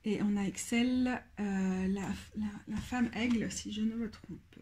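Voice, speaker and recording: A woman's voice: medium pitch, steady tone, mellow. Hesitant, thoughtful woman reviewer. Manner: thoughtful, hesitant, often pauses to search for words. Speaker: tarot deck reviewer. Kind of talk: casual walkthrough of a card deck.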